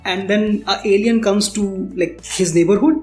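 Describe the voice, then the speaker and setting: Interviewed as a startup founder, a man with an Indian accent speaks at normal speed with fairly even intonation, his voice high and darkish. He gives candid explanations, repeating phrases for emphasis, in a recording with roomy echo and underlying music.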